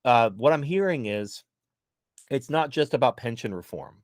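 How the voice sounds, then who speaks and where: A man's voice: medium pitch, expressive, moderate pace, dry recording, studio quality. Blunt, profane man ranting casually. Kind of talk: casual political chat.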